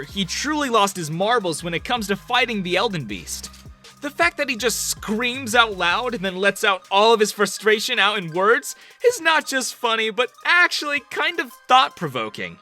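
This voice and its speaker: A man's voice: high voice, bright, forceful tone. A man reading scripted countdown narration for a video compilation in an upbeat delivery.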